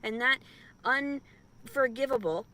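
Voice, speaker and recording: A woman's voice: sits high, slow pace, bright, forceful tone. Upset woman venting to camera, tearful ranty vlog, goes round and round. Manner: tearful, ranting and repetitive. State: distressed and in pain. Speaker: vlogger. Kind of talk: emotional vlog rant.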